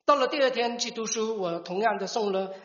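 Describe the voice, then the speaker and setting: A middle-aged man gives a personal testimony as a father, halting and restarting words as he tells the story. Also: high-pitched, fairly bright tone. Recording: echoey hall, dull lo-fi sound.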